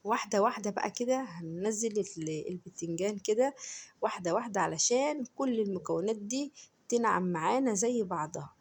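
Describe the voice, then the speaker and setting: An Egyptian woman talks her viewers through a home recipe at a quick clip. Her voice is a little husky, and she chats with them like old friends while praising every dish. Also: mid-range voice, expressive, a little mellow. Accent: Egyptian Arabic. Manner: chatty, addresses viewers directly as friends, enthusiastic food praise. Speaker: cooking channel host. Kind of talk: home cooking tutorial voice-over.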